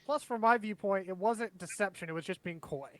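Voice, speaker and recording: A man plays an inquisitor priest in a tabletop game. He speaks earnestly and in a measured way, his voice sitting slightly high. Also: fairly bright tone, dry recording. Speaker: player. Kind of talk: in-character speech.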